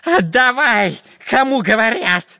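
Brief: shrieking wiry spy, very high and swooping, storybook audio. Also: male voice, sing-song, takes it slowly, fairly bright tone, full character voice. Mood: shrill. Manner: shrieking, wailing. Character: thin long-nosed male spy, shrill and whiny. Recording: dull lo-fi with long reverb.

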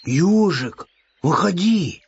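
Storybook bear cub, earnest and insistent, lifted voice, played by a man, slow, music under. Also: sits high, expressive, pitched above the performer's own voice. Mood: reassuring. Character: earnest, kind bear cub, proud of his land. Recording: dull lo-fi audiobook with music.

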